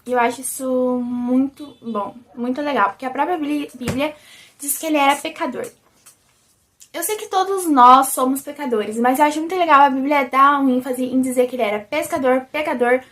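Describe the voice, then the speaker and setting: A young woman with a Brazilian accent hosts a casual vlog. Her voice is high and squeaky, almost childlike, and she talks in an animated way. She keeps turning to her viewers as she chats. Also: normal speed. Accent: Brazilian Portuguese. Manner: animated and chatty, often calls the viewers "gente". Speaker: vlogger. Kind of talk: casual religious video chat.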